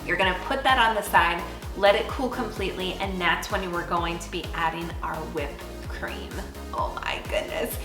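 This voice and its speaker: A bubbly, chatty woman hosts a cooking demonstration in a kitchen. Her voice rings in an echoey room, and loud music plays underneath. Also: lowish voice, fairly even intonation, a little fast. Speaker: cooking show host.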